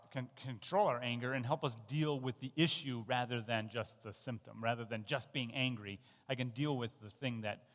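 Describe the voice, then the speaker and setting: A man's voice: medium pitch, fairly bright tone, long reverb tail. A man giving a sermon in a conversational, self-deprecating way, with fillers and restarts. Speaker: pastor. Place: church.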